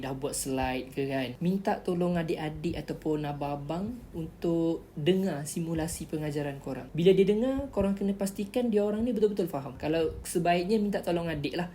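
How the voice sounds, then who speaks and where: A woman whose warm voice sits low walks viewers through interview tips in a casual tutorial vlog. She speaks chattily, repeating key words as she explains, against a little hiss or hum.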